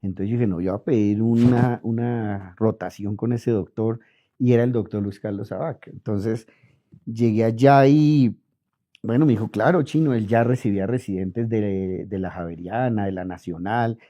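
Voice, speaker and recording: A middle-aged Colombian man being interviewed, telling lively stories and acting out quoted dialogue. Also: fairly low pitch, normal speed. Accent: Colombian Spanish. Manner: animated anecdotes, acts out quoted dialogue. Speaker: interviewed physician. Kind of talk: relaxed storytelling interview. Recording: dull lo-fi audio.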